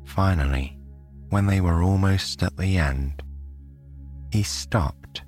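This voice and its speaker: A British man from the United Kingdom narrating a bedtime sleep story in a soft, soothing way. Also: low voice, slow, faint music behind.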